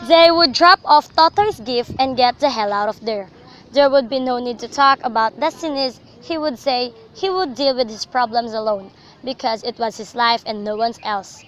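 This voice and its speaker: A young adult woman delivers scripted, dramatic story narration for a student radio drama at normal speed. Her voice is a little high and fairly bright, with the highs cut off in a faintly noisy amateur recording.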